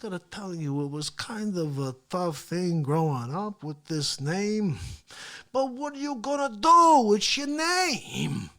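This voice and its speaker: A performer playing a brash, boastful male talk-show host who rambles through a comedy rant, swinging between loud yelling and hushed asides. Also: mid-range voice, very animated, slow, full character voice. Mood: rambling, boastful. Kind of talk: comedic character monologue.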